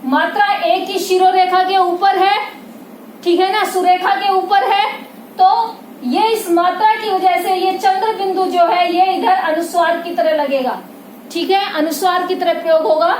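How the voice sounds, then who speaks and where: A woman with a very high voice teaches grammar patiently, repeating each point and often checking that her students follow. She is recorded in a roomy, echoing space with a faint hiss behind her. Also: fairly even intonation, measured pace, darkish tone. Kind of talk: classroom grammar lesson. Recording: echoey room with faint noise.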